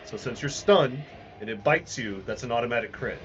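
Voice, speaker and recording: A man narrating a tabletop role-playing game as game master, describing scenes deliberately with dramatic pauses. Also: mid-range voice, lively intonation, lo-fi sound.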